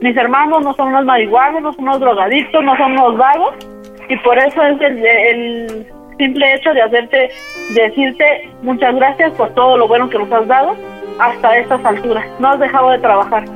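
A woman's voice: sits high, steady tone, normal speed, phone-quality sound, soft background music. A woman in a radio prank call, speaking emotionally and effusively to her mother. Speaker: prank caller, daughter.

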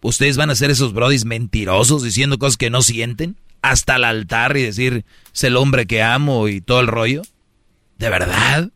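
A man's voice: mid-range voice, moderate pace, bright, forceful tone, no echo, studio quality. A man giving mocking, preachy advice as a comedic radio host.

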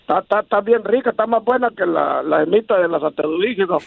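A man's voice: sits high, fast, gravelly, noisy background. A Salvadoran man calling a radio show, chatting in a hesitant, repetitive, earnest way with mumbled diction. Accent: Salvadoran Spanish. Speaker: radio dating-show caller. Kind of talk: casual phone chat. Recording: muffled call, faint music behind.

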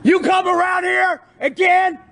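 A man furiously yelling and swearing at people on his street, recorded outdoors on a phone. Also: very high voice, steady tone, unhurried, vocal fry. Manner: furious, shouting commands. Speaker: angry neighbor in a played clip. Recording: loud outdoor noise, passing cars.

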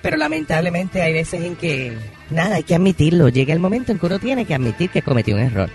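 A brassy, gossipy radio hostess who talks high and theatrical, throwing out exclamations between stories. Music plays clearly behind her. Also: very animated, quick pace. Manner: chatty, theatrical, exclaims often. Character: brassy gossiping woman advice-segment hostess. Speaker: advice segment host character. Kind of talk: comedy radio sketch.

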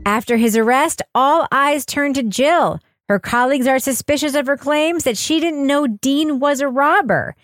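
A woman hosting a podcast, chatty and animated, sometimes giggly. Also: sits high, moderate pace, hardly any pauses, no room sound, faint music behind. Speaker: podcast host. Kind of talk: casual podcast chat and read promo.

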